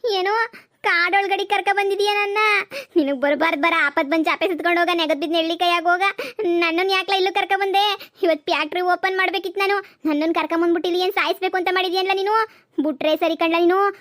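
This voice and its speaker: A hot-tempered cartoon village wife, voiced by a woman, speaks in a very high, shrill voice. She scolds and curses one moment and pleads the next. She is easily frightened, and her temper runs hot. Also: steady tone, fast, a bit bright. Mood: cursing. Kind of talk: cartoon voice acting.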